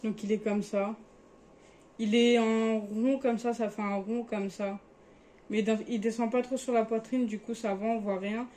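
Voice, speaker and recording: A woman's voice: a little high, flat delivery, unhurried, dark tone. Chatty young woman showing her clothes. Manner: chatty, hesitant, searching for words. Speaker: vlogger. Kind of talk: casual clothing haul.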